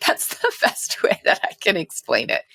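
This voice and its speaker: A young woman in casual educational talk, chatty and animated, a little out of breath, as a hormone health coach. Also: fairly low pitch, unhurried, vocal fry, slightly rough, no room sound. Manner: chatty, animated, full of fillers. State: slightly out of breath.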